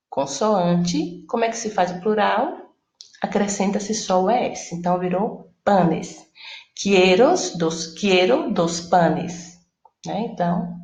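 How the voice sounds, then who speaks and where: A woman teacher whose first language is Portuguese walks through a lesson one step at a time. Her voice has a gravelly edge, and the room around her gives it a noticeable echo. She checks in with the class again and again as she explains. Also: medium pitch, a little mellow. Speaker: Spanish teacher. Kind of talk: recorded lesson.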